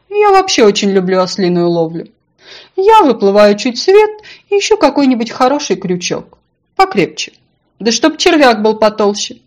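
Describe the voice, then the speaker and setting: A woman voicing a sly, self-important female fish in a storybook, calm and unflappable. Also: medium pitch, natural voice.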